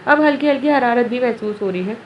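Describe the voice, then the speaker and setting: A woman's voice: fairly high pitch, lightly acted. A woman narrator voicing a young mother who speaks plainly and complains, recorded distant and roomy. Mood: sulky. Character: exasperated young mother, sulking. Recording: roomy, distant, dull, faint hiss.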